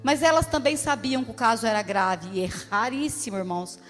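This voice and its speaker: A woman's voice: a little high, lively intonation, brisk. A Brazilian woman missionary giving an emotional, emphatic church testimony, speaking straight to the congregation. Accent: Brazilian Portuguese. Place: church hall. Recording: echoey church hall with soft music.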